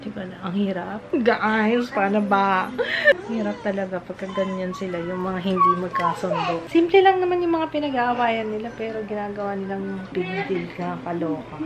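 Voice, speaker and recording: A woman's voice: mid-range voice, sing-song, normal speed, very noisy. A woman vlogger talking candidly to her viewers at home in a casual, confiding way. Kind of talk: casual chat to camera.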